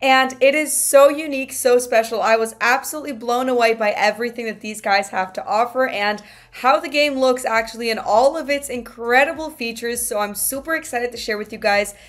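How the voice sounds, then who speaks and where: A woman's voice: a little high, a little fast, few pauses. A woman hosting her channel, giving an enthusiastic, promotional review of a game while reading its website text aloud with fillers.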